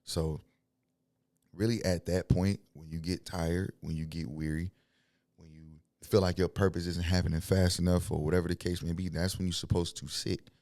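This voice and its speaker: Deep-voiced blunt preachy man. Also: flat delivery, normal speed, darkish tone, no echo, studio quality. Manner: blunt, preachy, tells stories, laughs often. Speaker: guest, signed music artist. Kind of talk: faith-centered interview talk.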